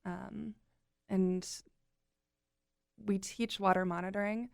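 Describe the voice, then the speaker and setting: Upbeat, chatty woman, gravelly voice. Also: medium pitch, steady tone, slow, darkish tone, no echo, studio quality. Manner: upbeat and chatty, laughs easily. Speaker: guest, nonprofit communications coordinator. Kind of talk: casual interview chat.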